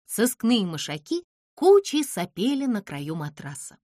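A woman narrating a children's audiobook in a slow, expressive storytelling manner. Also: mid-range voice, dry recording, studio quality.

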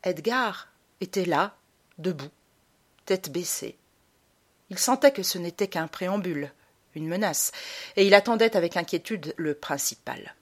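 Woman narrator for a literary audiobook, measured and subdued. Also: lowish voice, lively intonation.

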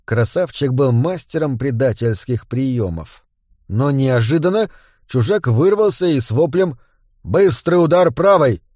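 A man narrating an audiobook in a lively, expressive reading. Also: medium pitch, a little slow, dry recording, clean studio sound.

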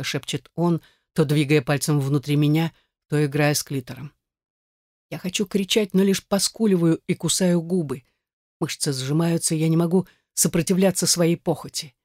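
A man reading a first-person erotic novel aloud in a steady, intimate narration. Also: on the high side, no room sound, studio quality. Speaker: audiobook reader.

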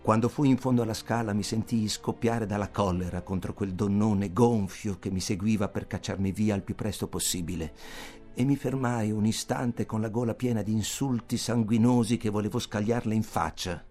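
A man narrating a literary novel as an audiobook, reading expressively and theatrically and sinking to a hushed murmur in darker passages. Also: fairly low pitch, normal speed, soft background music. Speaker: audiobook reader.

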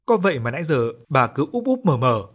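A man voicing a stern, quick-tempered old grandfather in a ghost story, speaking gruffly. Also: mid-range voice, very animated. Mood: scolding. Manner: gruff, scolding.

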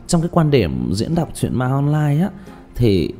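A man's voice: medium pitch, wildly swooping pitch, a little slow, creaky, warm tone. A man hosting a casual livestream, rambling with frequent restarts and repeated words. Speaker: livestream host and ghost story reader. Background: faint background music.

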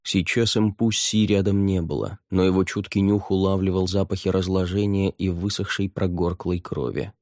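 A man narrating a fantasy audiobook in an even, measured reading. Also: deep voice, no room sound, studio quality.

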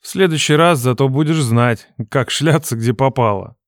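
A cocky young lifeguard with a low, rough-edged voice, as a woman narrator puts him on, drawling mockery at a frightened girl in an audiobook. He sounds teasing and condescending, and the voice is close and dry. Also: moderate pace, no room sound. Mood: smug teasing. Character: mocking, brash young male lifeguard.

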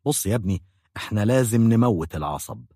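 A man's voice: fairly low pitch, lively intonation, fast talker, warm tone, breathy edge, dry recording, clean studio sound. Man doing a bossy Egyptian dentist. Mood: firm. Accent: Egyptian Arabic. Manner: barking orders, then curt and firm. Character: bossy, menacing male dentist.

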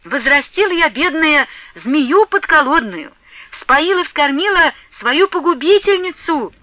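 A woman reading an old peasant mother who laments in a high, wailing voice, in an audiobook. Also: sing-song, moderate pace, pushed and bright, no room sound, heavily acted.

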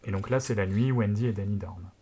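A man's voice: fairly low pitch, fast, mellow, slightly rough. A man co-hosting a podcast, explaining in a casual, teasing way with hesitant fillers. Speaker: podcast co-host.

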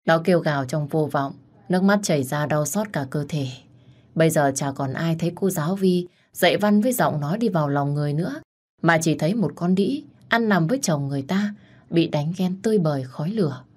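Low-voiced woman telling a story. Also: animated, fairly quick, darkish tone. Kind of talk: dramatic story narration. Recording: faint background music.

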